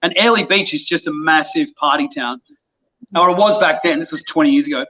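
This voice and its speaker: Muffled audio captures a fairly high-pitched man from Australia, in his thirties, speaking a little fast. He's a podcast guest spinning a lively story in relaxed conversation, doing voices for each character.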